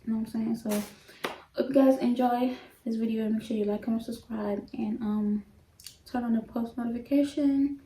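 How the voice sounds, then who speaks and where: A woman's voice: fairly high pitch, steady tone, normal speed, warm tone, slight background noise. A young woman casually chatting to her viewers in a mukbang vlog, giggling and talking while she eats, recorded by a camera mic at a distance in a room at home. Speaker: YouTuber. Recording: roomy echo, off-mic, faint background ambience.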